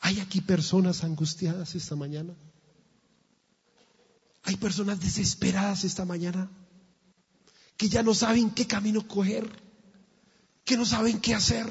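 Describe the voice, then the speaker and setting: A man's voice: high voice, steady tone, moderate pace, pauses often, breathy edge. A man pastor, preaching a sermon emphatically, with repetition and rhetorical questions. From Colombia. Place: church. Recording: long church reverb, dull sound.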